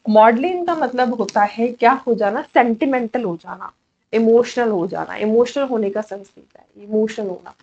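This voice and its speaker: A woman's voice: fairly high pitch, moderate pace, darkish tone, dull audio. A woman with an Indian accent teaching English vocabulary in a chatty online coaching class, repeating key words as she explains.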